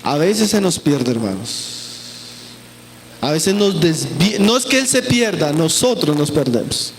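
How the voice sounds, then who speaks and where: A man's voice: a little high, sing-song, a little slow, a little hiss or hum. A man preaching a sermon at a church camp, earnest and pleading, speaking often to his listeners as brothers.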